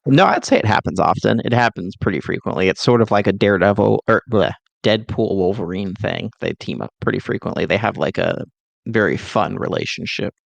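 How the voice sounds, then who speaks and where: A man with a lowish voice and plenty of vocal fry makes an eager movie pitch on a casual podcast. He explains like a devoted fan, wandering loosely into tangents. The sound is close and conversational. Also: fairly quick, dry recording.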